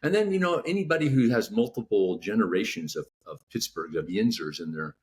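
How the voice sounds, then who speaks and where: A man from California, an author being interviewed in casual podcast talk, speaking haltingly with lots of "you know" fillers and restarts. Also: lowish voice, animated, a little mellow, slight background noise. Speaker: author guest.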